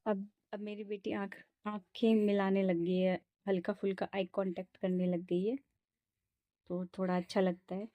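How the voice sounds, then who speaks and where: Mellow-voiced young mother vlogging at home. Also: mid-range voice, no room sound. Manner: soothing sing-song coaxing to her baby. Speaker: mother vlogging her day. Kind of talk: casual home vlog talk.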